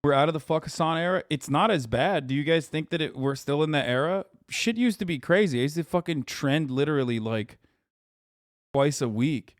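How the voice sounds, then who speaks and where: His voice is a little high and a little fast as this man in his thirties reacts to videos while streaming live. He chats casually with viewers, blunt, joking and frequently profane, in studio-quality sound with no room noise.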